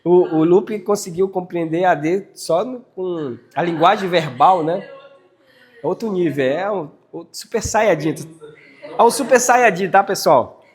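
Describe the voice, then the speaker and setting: High-voiced man leading a team briefing. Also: unhurried. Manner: animated, addresses the group directly, with frequent tag questions. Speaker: team leader giving a workplace briefing. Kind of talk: casual corporate training talk.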